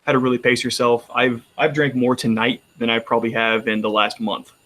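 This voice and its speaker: Bright and forceful, this Texan panelist speaks fairly quickly in a level, mid-range voice. He chats casually at a roundtable with a Texan accent, rambling and restarting frequently.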